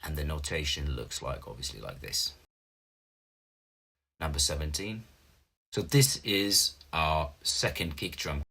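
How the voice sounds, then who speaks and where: Over background noise, a Finnish man in his thirties gives an instructional explanation of drum notation, patient and methodical despite minor English mistakes. His voice rumbles low with vocal fry; he's animated yet unhurried and pauses often.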